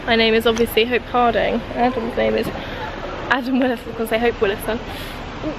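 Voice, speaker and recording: British woman, twenties, higher voice, casual vlog chat, handheld camera, clearly noisy outdoor surroundings. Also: flat delivery, fast talker. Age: 20s. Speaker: vlogger on honeymoon. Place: outdoors at a resort, by and in an open-air pool. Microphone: handheld camera at arm's length.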